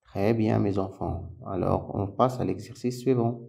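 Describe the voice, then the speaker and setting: A man's voice: fairly low pitch, fairly even intonation, measured pace, creaky, warm tone, faint music behind. A man teaching a phonics lesson to young children, patiently sounding out and repeating syllables and words. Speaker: primary school teacher.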